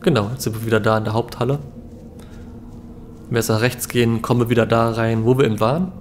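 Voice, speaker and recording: A man's voice: medium pitch, level tone, quick pace, slight background noise. A young man giving casual let's play commentary in a laid-back, musing way. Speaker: let's player. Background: game ambience.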